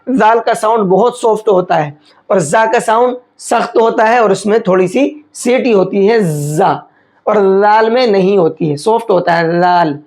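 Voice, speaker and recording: A man giving a patient tajweed lesson, posing questions and then answering them himself. His voice sits fairly high for a man. He stretches out each demonstration word very slowly before returning to explanation. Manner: slows right down to demonstrate recitation. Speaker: Quran recitation teacher.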